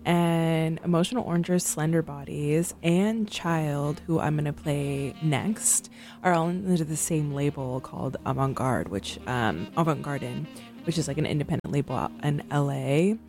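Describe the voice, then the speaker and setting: A young woman with a low voice hosts a radio show, chatting loosely between tracks. She rambles and fills her talk with ums and likes, and faint music plays behind her. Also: moderate pace, a little mellow. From San Francisco. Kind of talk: casual radio chat between songs.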